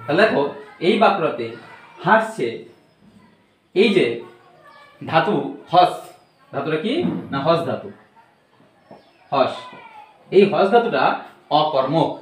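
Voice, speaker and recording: A man's voice: a little high, expressive, takes it slowly, long pauses, slight background noise. Patient male teacher in an echoey room. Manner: patient, explains step by step with repeated questions. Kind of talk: online grammar lesson.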